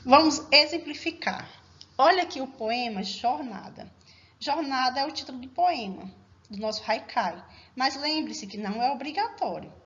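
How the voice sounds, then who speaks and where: A woman's voice: sits high, expressive, moderate pace, fairly bright tone, lo-fi sound. A woman teacher giving a recorded class, explaining step by step and regularly checking that her students are following. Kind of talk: recorded remote class lesson.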